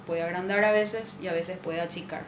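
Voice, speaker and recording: A woman's voice: fairly low pitch, steady tone, moderate pace. A woman, a music teacher patiently explaining a lesson and checking in with rhetorical questions. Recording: echoey room with faint noise.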